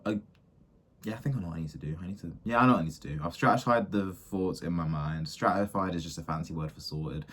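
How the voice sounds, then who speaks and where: Young man, early twenties, deep husky voice, rambling vlog monologue with constant "like"s. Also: quick pace. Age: 20s. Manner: rambling, self-interrupting, many fillers. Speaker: small business owner. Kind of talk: casual thinking-out-loud monologue.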